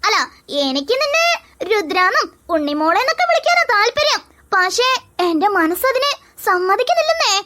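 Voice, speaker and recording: A man's voice: very high-pitched, big pitch swings, brisk, bright, forceful tone, exaggerated voice. A voice actor playing a playful young man in a cartoon who keeps teasing a girl. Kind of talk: cartoon voice acting.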